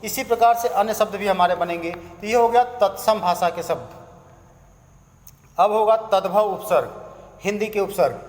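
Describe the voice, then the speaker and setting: A man's voice: high voice, normal speed. A man teaching a school grammar lesson, listing words one at a time with short explanations and a habit of tacking a filler phrase onto his sentences. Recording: echoey room with long reverb.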